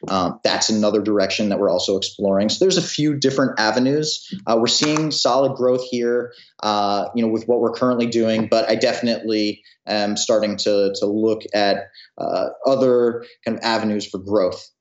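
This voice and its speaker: A man in his thirties with a fairly low voice answers questions haltingly, filling the gaps with pauses. The recording sounds roomy and a little dull. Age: 30s. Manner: hesitant, full of fillers and restarts. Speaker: company founder, guest. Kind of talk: interview answers.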